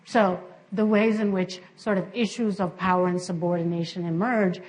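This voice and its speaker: A woman's voice: lowish voice, steady tone, normal speed, a little mellow, low-quality recording. A woman panelist adding a thoughtful, analytical comment at a conference. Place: university conference room.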